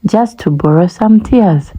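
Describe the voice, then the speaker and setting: A woman's voice: mid-range voice, lively intonation, a little slow, mellow. A woman voicing a determined male elephant in a storybook read-aloud, urging the others on. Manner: urging, a little disgusted.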